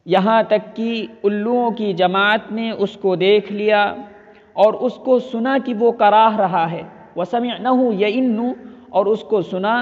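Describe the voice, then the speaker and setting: A man teaching a lesson, reading Arabic phrases and explaining each one several times in other words. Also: sits high. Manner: reads an Arabic phrase, then explains it repeatedly with synonyms. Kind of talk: line-by-line Arabic text translation lesson. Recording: dull lo-fi audio with long reverb.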